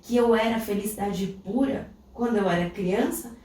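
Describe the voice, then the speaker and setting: In a mid-range voice with a dark tone and normal speed, this Brazilian co-host tells a story from her life in a reflective, easygoing manner. Her Brazilian Portuguese accent is heard through a distant mic, with echo and faint noise around her.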